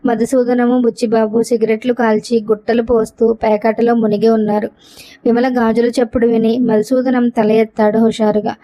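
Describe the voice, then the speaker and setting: A woman reading a novel aloud as narrator, in a steady, expressive storybook style. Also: on the high side, normal speed. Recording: dull lo-fi recording.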